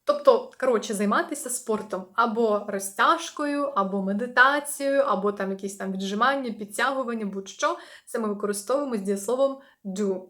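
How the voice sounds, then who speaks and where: Woman teaching English phrases, higher voice. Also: fairly bright tone. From Ukraine. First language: Ukrainian. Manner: explains clearly, slows right down to model English phrases. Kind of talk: language lesson.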